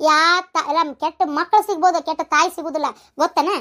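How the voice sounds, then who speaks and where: Woman as a squeaky, bright-voiced nagging wife, North Karnataka Kannada accent, cartoon comedy, rattles on fast. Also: steady tone. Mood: angry, defensive. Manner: nagging, scolding rapid-fire.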